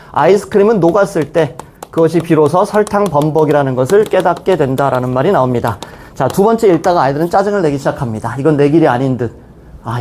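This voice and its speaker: A man's voice: fairly high pitch, a little mellow, slight background noise. A man in his forties, an English teacher lecturing parents at a seminar, blunt and sarcastic, acting out students' voices.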